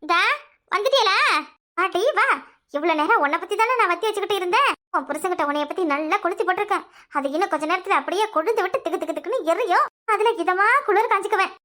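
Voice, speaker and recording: A woman's voice: very high-pitched, fast, bright, forceful tone. A woman with a southern Tamil village dialect voicing a sly young newlywed who complains in a teary, sing-song way in a cartoon. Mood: gloating. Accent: southern Tamil Nadu village dialect. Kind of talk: cartoon voice acting.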